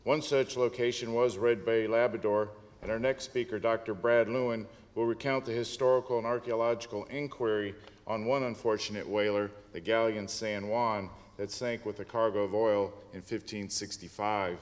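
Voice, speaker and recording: A man moderating a conference, reading a formal introduction in a measured way. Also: on the low side, steady tone. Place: conference hall. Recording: hall reverb.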